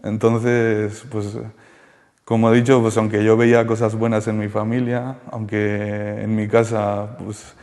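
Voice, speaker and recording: A man from Colombia, giving a halting, soft-spoken personal testimony in an interview. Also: lowish voice, little pitch movement, in a large hall. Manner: halting and soft-spoken, circling back with many restarts. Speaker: interviewee sharing a rehabilitation testimony.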